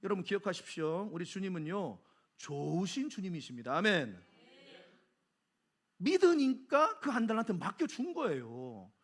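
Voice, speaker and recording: A man's voice: sits high, sing-song, normal speed. A middle-aged man preaching a Sunday sermon as pastor, asking the congregation questions and answering them himself.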